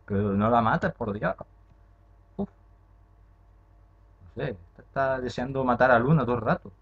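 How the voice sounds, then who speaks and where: Young man, horror game reactor; jumpy, swearing, very lively pitch, dull home mic. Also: moderate pace, slight background noise. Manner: jumpy and excitable, swearing, muttering to himself. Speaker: gaming channel host.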